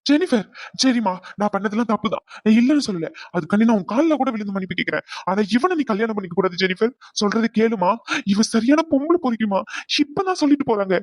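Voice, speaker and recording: A man's voice: high-pitched, expressive, fast, no echo, clean studio sound, pitched above the performer's own voice. A man doing a strained pleading old father. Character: older father, remorseful and pleading. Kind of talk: cartoon voice acting.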